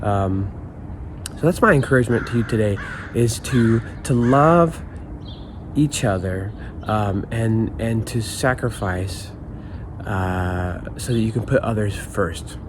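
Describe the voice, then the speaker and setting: A man's voice: on the low side, slow pace, background noise. A man speaking as an upbeat, informal youth pastor, giving a casual devotional talk.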